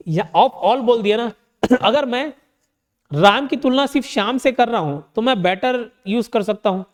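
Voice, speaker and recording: A man with an Indian accent teaching English grammar, asking his own questions and answering them, reading the example sentences out slowly. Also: very high-pitched, in a large hall. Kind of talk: online exam-prep lesson.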